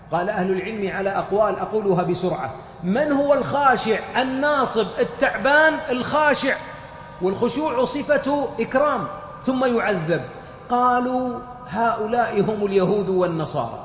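Male religious teacher, very high voice, explanatory lecture, recorded muffled in a long-echo hall. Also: a little hiss or hum. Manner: explanatory, with lively everyday examples.

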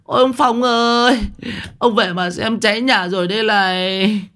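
A man's voice: high voice, steady tone, moderate pace, bright, forceful tone, voice pushed up. A man voicing a wailing village woman whose house is burning. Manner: shrieking, lamenting.

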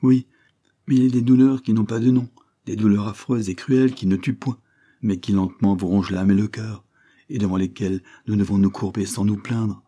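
A man's voice: lowish voice, steady tone, brisk, dark tone, natural voice. A man reading aloud and voicing a noble young woman worn down by grief, sorrowful and bitter. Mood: grieving.

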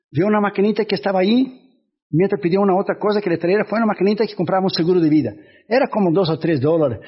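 A man preaches with animated storytelling, mimicking sounds as he goes. His voice sits high and a little husky. The recording is dull and lo-fi. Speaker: pastor. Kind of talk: sermon.

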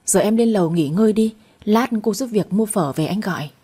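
A woman's voice: mid-range voice, a little fast, mellow, breathy edge, close to an everyday voice. A woman voicing an elderly man who scolds his granddaughter and dotes on his young wife. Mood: doting. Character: elderly man, doting husband, stern grandfather.

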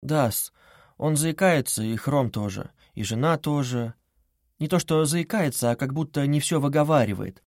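A man reading aloud, voicing a meek young woman who speaks softly and falteringly, then pleads with growing insistence. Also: mid-range voice, animated, normal speed, no echo, clean studio sound, voice pushed up, natural voice. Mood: timid.

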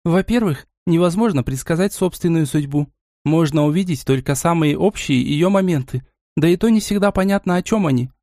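A male narrator voicing a calm, gentle young princess who can see the future, speaking in a soft, mentoring tone. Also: fairly high pitch, fairly quick, dry recording, clean studio sound, voice pushed up, close to an everyday voice.

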